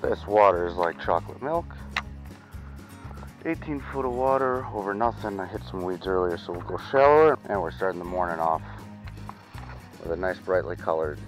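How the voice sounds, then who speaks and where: Fishing from a small boat on a lake, a man chats casually to an action camera mounted on the boat, talking to himself as he goes in this laid-back vlog. His voice is low and moves at a normal speed with long pauses, over soft background music.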